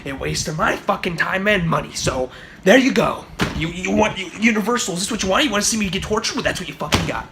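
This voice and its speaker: A man's voice: high voice, animated, fast talker. A young man giving an exasperated, profane, sarcastic movie review rant on his vlog. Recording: noisy home recording.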